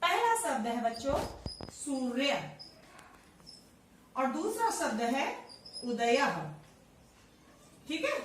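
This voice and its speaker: A woman's voice: sits high, sing-song, takes it slowly, pauses often. A woman teaching a grammar lesson to children, explaining step by step and asking the class question after question. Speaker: Sanskrit teacher. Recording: very echoey, distant, faint hiss.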